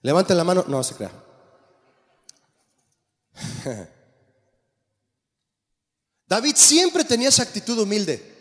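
A pastor delivers an animated sermon, his voice pitched high for a man. He keeps turning to the congregation with questions. The sound carries a long reverb from the church hall. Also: slow pace, long pauses.

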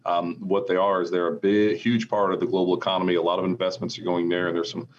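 Low-voiced American man hosting a casual podcast. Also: level tone, quick pace, highs cut off. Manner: rambling, conversational asides. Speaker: podcast host. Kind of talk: casual market commentary chat.

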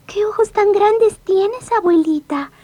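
A woman's voice: extremely high pitch, takes it slowly, mellow, pitched above the performer's own voice. A woman doing a sweet trusting little girl. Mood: wondering. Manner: childlike, wide-eyed questioning. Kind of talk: storybook read-along voice acting.

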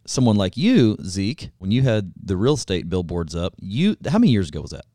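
Male co-host, lively storyteller with a very expressive voice and dry studio sound. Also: low-pitched, fairly quick, dry recording. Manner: animated storyteller, laughs often. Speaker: podcast co-host. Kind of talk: casual chat. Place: Texas marketing office.

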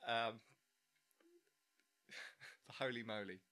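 A man's voice: mid-range voice, fairly even intonation, extremely slow, sharp tone. A man co-hosting a podcast, talking in casual banter and riffing playfully on absurd ideas, often breaking into laughter. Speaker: podcast co-host.

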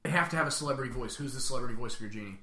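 A man's voice: medium pitch, racing, roomy sound, heavy background noise. A man co-hosting a casual podcast chat, teasing and joking with his friends. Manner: teasing, jokey. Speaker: podcast co-host.

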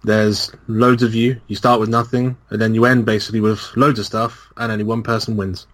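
A man's voice: lowish voice, flat delivery, brisk. A man co-hosting a casual gaming podcast, frank and opinionated, with a ready laugh and some casual swearing. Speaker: podcast co-host.

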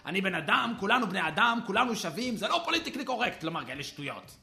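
A man's voice: sits high, big pitch swings, sharp tone, pitched above the performer's own voice, heavily acted. A man voicing a cranky puppet professor. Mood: dismissive. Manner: indignant, dismissive, clears throat a lot. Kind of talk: ventriloquist puppet act.

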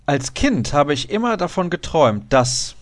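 A man hosts a casual radio interview, chatting and putting questions to his guest. His voice sits a little high for a man and is recorded dry and close to free of room sound. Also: sing-song, normal speed, dry recording. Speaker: radio show host.

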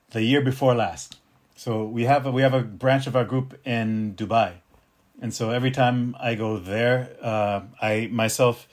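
In a casual interview, a middle-aged capoeira teacher and martial artist with a mid-range voice speaks in an unhurried, reflective manner marked by frequent restarts. His first language is Arabic; he was born in Detroit and raised partly in North Africa.

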